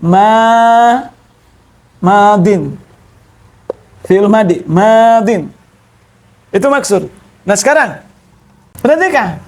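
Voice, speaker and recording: Slow, patient male teacher. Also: high-pitched, lively intonation. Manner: keeps checking that students understand; explains step by step, repeating key terms. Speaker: Arabic grammar teacher. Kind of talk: classroom lecture.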